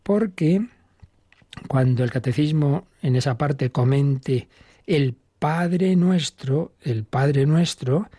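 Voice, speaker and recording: A man, a priest, giving an unhurried catechism talk and repeating key phrases for emphasis. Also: fairly high pitch, warm tone, husky, no echo.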